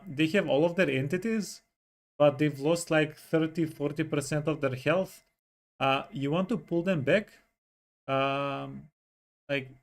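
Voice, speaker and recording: A man explaining game tactics in a casual, step-by-step way, with frequent pauses to think. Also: fairly high pitch. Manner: explanatory, hesitant fillers, walks through tactics step by step. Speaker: co-host giving gameplay tips. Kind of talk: casual gameplay coaching.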